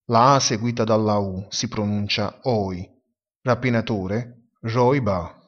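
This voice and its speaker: Slow, low-voiced male teacher, husky. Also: steady tone, a bit bright. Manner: spells out words slowly and deliberately. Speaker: language teacher. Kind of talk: slow explanatory lesson. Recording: dull lo-fi recording.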